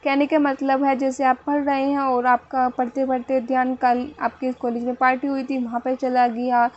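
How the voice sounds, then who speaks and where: A woman teaching a literature lesson, explaining in Hindi and reading English notes slowly, often repeating and correcting herself. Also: high voice, flat delivery, lo-fi sound. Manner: self-correcting, repeats words. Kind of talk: exam-focused lecture.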